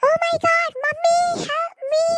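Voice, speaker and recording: A woman voicing a scheming, mischievous young girl in a cartoon, who plots out loud and wails and whines. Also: extremely high pitch, heavy background noise.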